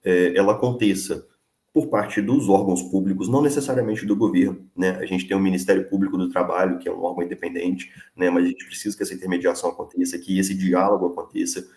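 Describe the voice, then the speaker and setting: A young man with a cold speaks in earnest, plain-spoken phrases full of small fillers. His voice sits very low. The room around him is echoey. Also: fairly even intonation, fast, a little mellow. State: sick with a cold, coughing. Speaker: delivery worker organizer, guest. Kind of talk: casual live interview.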